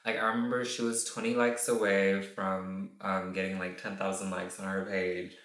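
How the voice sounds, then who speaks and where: A man's voice: low voice, normal speed. Sassy, slangy young man in echoey chat. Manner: expressive, sassy storytelling with slang. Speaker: podcast guest. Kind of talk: casual chat.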